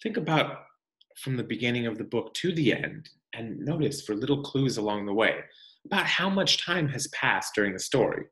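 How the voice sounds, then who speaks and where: An echoing room holds the sound of a man reading a picture book aloud, teacher-style, for children. His mid-range voice is expressive and deliberate, and he pauses for emphasis and to ask guiding questions.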